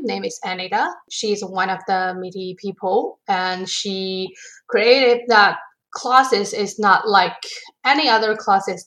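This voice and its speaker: A young woman from China speaking English with a Chinese accent, her native language Mandarin, telling her personal story as a graduate student in halting speech with frequent restarts. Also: mid-range voice, fairly bright tone, rough recording.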